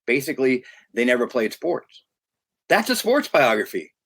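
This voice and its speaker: His voice is medium in pitch, a bit bright and slightly rough, very animated at a moderate pace. The speaker is a middle-aged youth sports consultant from the United States, guesting on a podcast, earnestly and emphatically restarting his sentences again and again.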